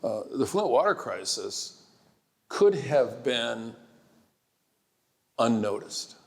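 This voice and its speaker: Husky, measured man in a hall. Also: medium pitch, very animated. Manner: measured, frank, with restarts. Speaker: panelist. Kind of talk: panel discussion. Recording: echoey hall with long reverb.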